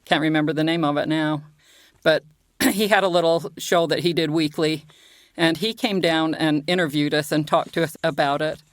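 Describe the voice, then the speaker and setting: A woman's voice: low voice, moderate pace, no room sound. An older woman from southern Utah, a guest in an interview, chatting and laughing often as she remembers. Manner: chatty, laughs often, lively when retelling. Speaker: guest, co-author. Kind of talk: conversational interview.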